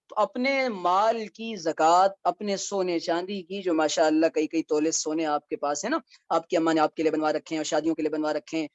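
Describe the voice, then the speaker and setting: A man's voice: fairly high pitch, dry recording. Dry-voiced man teaching a religious lecture. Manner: conversational, with wry asides and rhetorical questions. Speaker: mufti teaching Islamic law.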